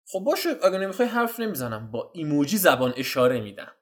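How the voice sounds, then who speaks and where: A man giving casual, slangy dating advice while walking viewers through chat screenshots. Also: on the high side. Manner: slangy, animated, addresses viewers as "guys". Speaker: dating coach.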